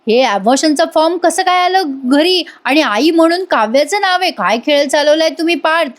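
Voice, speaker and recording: A woman's voice: high-pitched, lively intonation, normal speed, voice pushed up. A woman voicing an agitated middle-aged mother who scolds her son and demands answers. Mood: upset. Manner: insistent, scolding questions.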